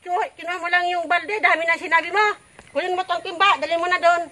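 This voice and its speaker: Pitched high with a sharp, steady tone, a woman acting in an amateur short film voices a worn-out, exasperated village mother at a moderate pace. It's naturalistic family drama, with the character nagging and complaining at repetitive length.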